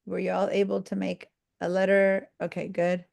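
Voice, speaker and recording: Tired woman instructor, gravelly voice, rambling with fillers, online class over a computer mic. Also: medium pitch, monotone, moderate pace, a little mellow. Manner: tired, yawning, rambling with many fillers and restarts. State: sleep-deprived and tired. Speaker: design software instructor.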